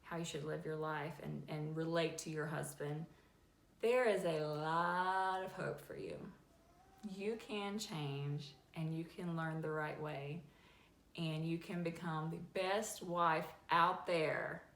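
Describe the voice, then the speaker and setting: A woman hosting a faith-based advice talk, folksy and animated. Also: low voice, takes it slowly. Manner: folksy and animated, acts out little scenes. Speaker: host. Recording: echoey room with faint ambient noise.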